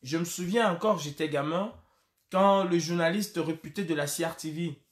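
A man's voice: fairly high pitch, moderate pace. A man, speaking straight to the camera in an impassioned, emphatic address, with frequent hesitations. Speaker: political commentator. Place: indoor room against a plain wall. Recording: echoey room.

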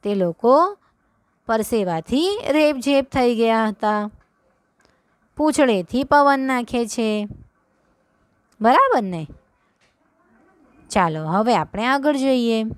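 A woman's voice: a little high, no room sound. A woman teaching young children, reading a story aloud with them line by line, then explaining it and asking them questions. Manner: reads slowly, repeats lines, quizzes the children. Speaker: primary school teacher. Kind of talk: slow read-along story lesson for children.

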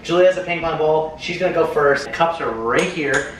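Talking a little fast in a voice that's a little high, a young American man hosts a challenge video and chats to camera in slangy, swear-prone fashion. The camera mic stands a few feet away inside his home kitchen. The room echoes, with faint music and slight background noise.

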